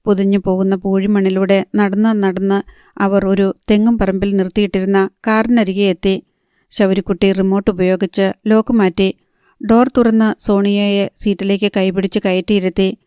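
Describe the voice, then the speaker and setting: A woman narrating a novel in a calm, even storytelling manner. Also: mid-range voice, normal speed, clean tone, no echo, studio quality. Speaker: audiobook narrator.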